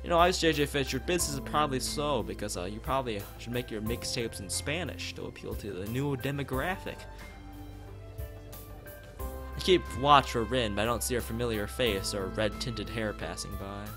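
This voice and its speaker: At a moderate pace and medium pitch, a man reads a visual novel aloud during a stream, adding relaxed commentary. Background music accompanies him as he often trips over the lines and repeats phrases.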